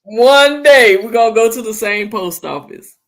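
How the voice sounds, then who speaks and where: A woman in her seventies chatting casually as a guest, animated and quick to exclaim and laugh. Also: on the high side. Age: 70s. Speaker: guest caller on a live chat. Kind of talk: casual chat.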